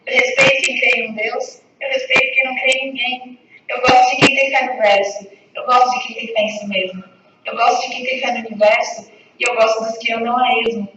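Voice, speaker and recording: A woman's voice: a little high, fairly even intonation. Woman reciting verse in a hall. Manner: measured, rhythmic reading. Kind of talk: poetry recitation. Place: university lecture room. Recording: echoey hall, distant, dull, noisy.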